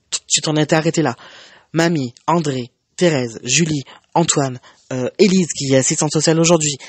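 A man's voice: on the high side, husky, no room sound. A young man telling a personal story in an emotional, conversational way, with many fillers and restarts. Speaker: vlogger.

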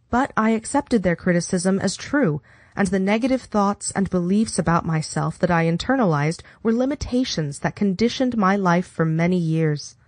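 A woman narrating a scripted self-help audiobook with guided exercises and affirmations, in a measured, instructional way. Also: medium pitch, a little mellow, dry recording.

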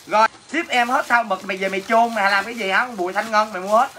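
A woman's voice: mid-range voice, rapid-fire, sharp tone, slight background noise. A woman with a Southern Vietnamese accent hosts a casual livestream sale, teasing viewers with brash, crude jokes as she answers comments. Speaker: livestream host selling goods. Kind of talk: casual livestream sales chat.

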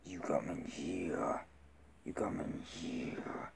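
A vlogger putting on a deep menacing alien monster voice in a whispered role-play, with a slow, hushed growl. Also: vocal fry, exaggerated voice.

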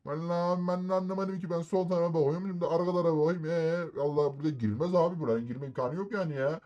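A man voicing a gruff, hostile male guard in a game role-play, barking rough threats. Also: on the high side, steady tone, fast talker, a little mellow, muffled recording, natural voice.

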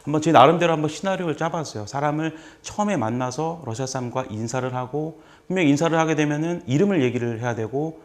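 A man teaches basic Russian in a classroom lecture to a live audience in a seminar room. His voice is a little high, his pace quick with few pauses, and he jokes and chats, saying phrases repeatedly for students to repeat back.

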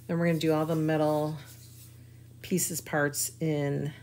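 A woman's voice: deep voice, flat delivery, a little slow, background noise. A woman giving a chatty, folksy live craft tutorial and talking to her viewers as she works. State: hiccuping. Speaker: craft demonstrator.

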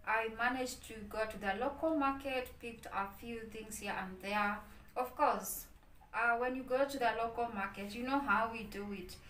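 A woman's voice: on the high side, moderate pace, a bit bright, roomy sound, far from the mic, a little hiss or hum, low-quality recording. A young Kenyan woman with a Kenyan accent, chatting playfully to camera in a casual vlog and hyping up her viewers. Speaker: vlogger. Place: small indoor room, office and home.

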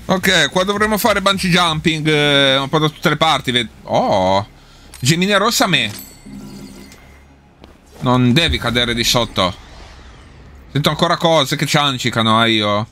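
A man's voice: a little high, expressive, unhurried, long pauses, pushed and bright, soft background music. A man giving casual let's play commentary, swearing and talking back at the enemies he fights. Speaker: gameplay streamer.

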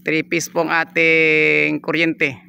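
Bright, gravelly salesman outdoors. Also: a little high, monotone, slow pace, slight background noise. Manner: polite, repetitive, upbeat salesman patter. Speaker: real estate agent giving a property tour. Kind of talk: walking property tour narration. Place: outdoors on a large fenced lot.

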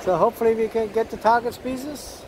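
Brief: 50s man, high voice, chatty fishing vlogger on camera outdoors, loud surf and wind noise. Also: quick pace. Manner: chatty, laughs often, repeats words. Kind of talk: casual outdoor vlog commentary. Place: open sandy beach by the surf. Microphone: handheld camera close to face.

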